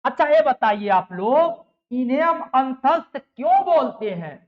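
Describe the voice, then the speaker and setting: A male teacher with a very high voice gives a grammar lesson, taking each step slowly and with care. He repeats syllables, asks his students questions and answers them himself. The recording sounds dull and lo-fi. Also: lively intonation. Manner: repeats sounds and keeps checking with "ठीक है". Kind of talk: Hindi grammar lesson for exam preparation.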